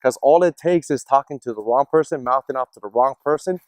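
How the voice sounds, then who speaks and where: A man telling a personal story in casual discussion, animated and acting out the people in it. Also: mid-range voice, brisk, no echo, studio quality. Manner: animated, acts out other people's voices in his stories.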